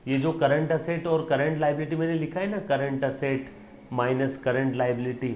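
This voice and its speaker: Male commerce teacher, mid pitch, encouraging lecture manner, mixes in English terms; echoey room. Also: fairly even intonation, normal speed, a little mellow, a little hiss or hum. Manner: coaxing, checks students' understanding. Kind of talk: online lecture.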